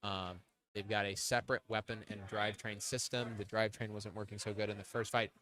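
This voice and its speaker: Bright-voiced young man calling robot fights. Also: on the low side, a little fast. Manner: casual, laughing, excitable at big hits. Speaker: robot combat commentator. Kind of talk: live event commentary.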